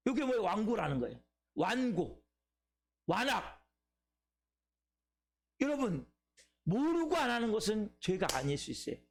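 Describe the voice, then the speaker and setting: A man's voice: very high voice, fairly bright tone. A male pastor preaching a sermon, asking his congregation questions and acting out people's inner thoughts. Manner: asks the congregation questions, acts out inner voices. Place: church.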